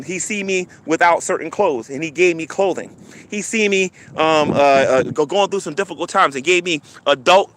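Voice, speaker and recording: A man's voice: a little high, fairly bright tone. A man ranting on a livestream, taunting and defiant, stammering and repeating himself, breaking into mocking laughter. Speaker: YouTube livestreamer.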